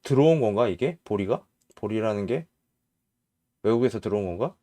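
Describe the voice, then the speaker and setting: A man teaching English spelling in Korean, slowly spelling out letters and repeating each sound patiently. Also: fairly low pitch, expressive, warm tone, dry recording. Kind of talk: casual spelling lesson.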